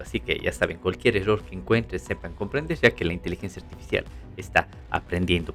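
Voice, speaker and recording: A man hosting a podcast, talking in a relaxed, chatty way with the odd filler. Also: low voice. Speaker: podcast host. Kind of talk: casual spoken podcast intro.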